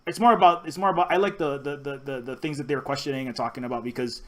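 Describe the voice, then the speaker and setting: A man from Hawaii hosting a podcast in casual chat, talking in a halting, rambling way with many restarts. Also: mid-range voice, fairly even intonation, fairly bright tone. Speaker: podcast host.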